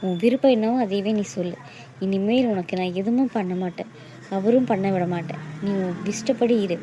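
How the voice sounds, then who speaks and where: A woman's voice: medium pitch, brisk, lo-fi sound, background noise, natural voice. A middle-aged woman playing a hurt mother who scolds her daughter bitterly. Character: angry, hurt mother of the bride.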